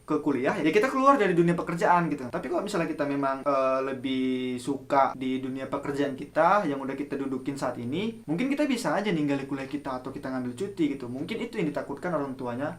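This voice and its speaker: A man's voice: medium pitch, animated, fast. A young man giving casual reaction commentary as a video host, talking informally and repeating words for emphasis. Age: young adult.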